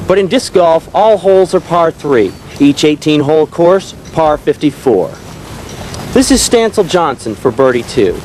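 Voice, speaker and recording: A man giving golf-style play-by-play commentary, describing each shot in a measured, descriptive way. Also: fairly high pitch, big pitch swings, darkish tone, a little hiss or hum, rough recording. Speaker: disc golf tournament commentator.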